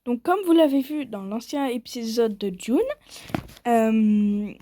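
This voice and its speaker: A woman's voice: fairly high pitch, animated, takes it slowly, warm tone, no room sound. A woman giving casual commentary while playing a mobile game, rambling playfully and poking fun at herself. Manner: playful, rambling and self-mocking.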